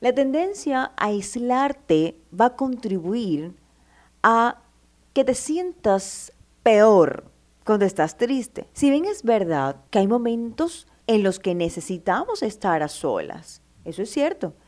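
Mellow-voiced woman giving heartfelt advice. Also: on the high side, very animated, slow. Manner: affectionate, calls listener "my love"; emphatic, acts out listener's inner doubts. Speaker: advice speaker. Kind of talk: motivational advice talk.

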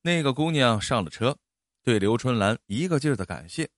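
A male storyteller reads a tale with expressive delivery, his pitch rising and falling a lot. His voice sits in a middle register. The recording is dry and close. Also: a little fast, no room sound. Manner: expressive, animated reading. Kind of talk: storytelling narration.

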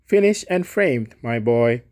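A boisterous male painter booms through this storybook reading, voiced by a man reading aloud. He is hearty and a little bossy, and his voice sits at an everyday middle pitch. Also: animated, takes it slowly. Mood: jovial. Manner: hearty, declamatory, loud.

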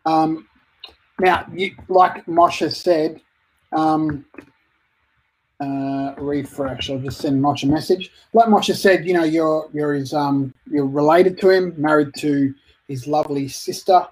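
A man co-hosting a casual podcast, relaxed and friendly as he asks questions. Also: on the high side, takes it slowly, slightly rough, low-quality recording. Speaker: podcast co-host.

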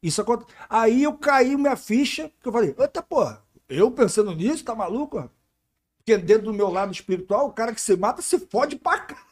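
A man tells stories on a podcast in slangy casual speech. He acts out the people in his stories as he goes. His voice sits a little high. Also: animated, brisk. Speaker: podcast guest. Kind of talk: casual storytelling chat. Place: podcast studio.

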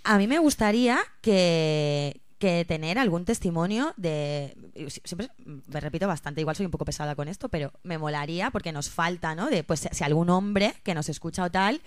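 A woman's voice: fairly low pitch, animated, normal speed, few pauses, no room sound, studio quality. A woman co-hosting a casual podcast chat, thinking aloud with frequent restarts and hesitations. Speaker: podcast co-host.

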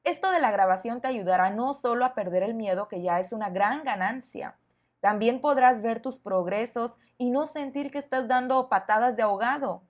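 A woman hosting a podcast lesson for learners, speaking clearly and encouragingly to the listener. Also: a little high, normal speed. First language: Spanish. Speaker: Spanish teacher, podcast host.

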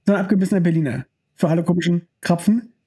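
A young adult man co-hosts a podcast, chatting casually about films in a high-pitched, dark, slightly rough voice at a rapid-fire pace. He rambles, jokes, and often trails off mid-sentence.

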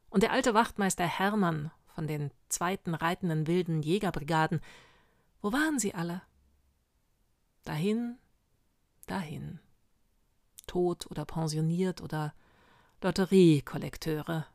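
A woman narrating a story slowly and dramatically, sometimes dropping to a hush. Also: on the low side, dry recording, studio quality. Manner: slow, dramatic storytelling with hushed passages. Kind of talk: audiobook narration.

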